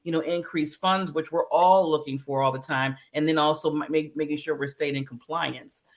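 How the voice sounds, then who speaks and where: A woman's voice: sits low, steady tone, normal speed. A woman hosting an interview over a video call, laughing easily and poking fun at herself. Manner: warm-hearted, laughing, self-deprecating. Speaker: show host. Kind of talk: casual interview talk.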